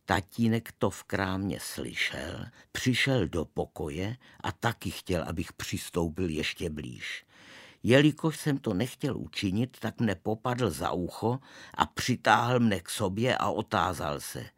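A man narrating a children's story in the first person, in a deadpan storytelling manner. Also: deep voice, husky, dry recording, clean studio sound.

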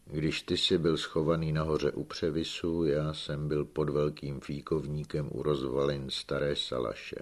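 A man's voice: a bass voice, level tone, hardly any pauses. A man reading the part of a sly, shrewd old peasant uncle who teases and scolds his young nephew in an audiobook. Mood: gruff. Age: older. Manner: teasing, gruff, scolding.

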